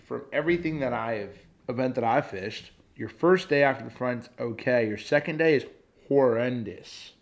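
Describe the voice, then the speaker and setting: A man, chatting casually and joking with friends in a living room at night. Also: medium pitch. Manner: laid-back, joking, excitable. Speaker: vlog host, pro angler. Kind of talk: casual chat.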